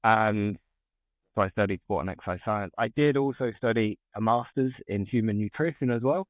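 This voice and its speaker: A man with a fairly low voice and a modern southern English RP accent. He talks in a casual, easygoing, discursive way, as a guest in a conversation. The sound is very dry, with no room around it. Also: moderate pace, no echo. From southern England. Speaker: interview guest, English teacher.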